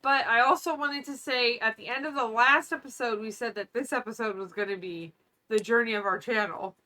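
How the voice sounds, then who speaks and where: A woman's voice: a little high, a little fast, bright, forceful tone. Chatty woman in her thirties. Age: 30s. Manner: rambling, filler-heavy, trails off. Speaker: podcast co-host. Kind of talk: casual chat.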